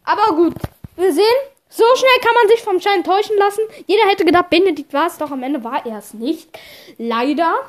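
A woman's voice: extremely high pitch, a little fast. A woman hosting a real-life party game, casually announcing rules and joking with the players. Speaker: host running the game.

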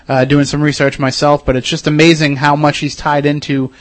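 A man's voice: a little high, flat delivery, fairly quick, no echo. A man from Massachusetts hosting a casual radio interview, talking in a conversational, enthusiastic way. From Wareham, Massachusetts. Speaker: radio host.

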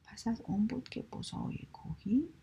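A woman reading children's stories aloud, narrating softly and often in a whisper. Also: a little high, animated, vocal fry, husky. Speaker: storyteller.

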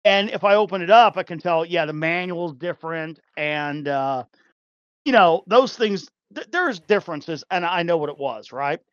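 A man with a high voice chats loosely as a podcast guest, circling back with fillers and restarts and laughing often. The sound is dry and a bit muffled. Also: expressive, normal speed, fairly bright tone, no room sound. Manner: rambling, many fillers and restarts, laughs easily. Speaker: podcast guest, game developer. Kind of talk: casual chat.

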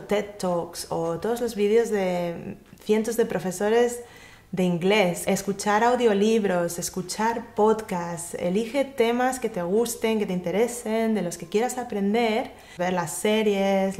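A woman gives a lively, direct tutorial on English pronunciation straight to the viewer. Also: mid-range voice, unhurried, echoey room. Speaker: English pronunciation teacher and YouTube host. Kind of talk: casual tutorial talk to camera.

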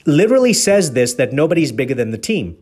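A man's voice: a little high, very animated, fast talker, a little mellow, slightly rough, soft background music. Earnest man from Kenya giving leadership lessons. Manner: earnest, preachy, with rhetorical questions. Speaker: podcast host. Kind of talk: motivational leadership talk.

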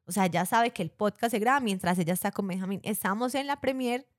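A woman's voice: medium pitch, quick pace, no echo. Chatty woman podcast co-host, dry sound. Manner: chatty, lively, often laughing along. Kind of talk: casual podcast chat.

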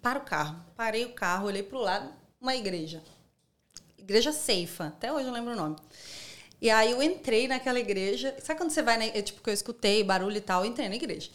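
Lively Brazilian woman telling a story. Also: a little high, quick pace. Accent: Brazilian Portuguese. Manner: lively, slangy, acts out quoted lines. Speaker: podcast guest. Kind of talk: casual interview storytelling.

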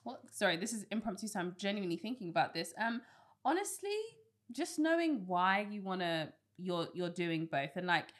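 A woman's voice: mid-range voice, big pitch swings, normal speed. A British woman co-hosting a podcast, chatting casually with many restarts and easy laughter. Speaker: podcast co-host. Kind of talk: casual chat.

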